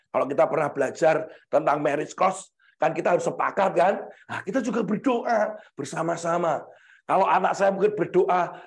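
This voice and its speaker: A middle-aged man from Indonesia, a pastor preaching a sermon in an animated way, acting out quoted voices. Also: sits high.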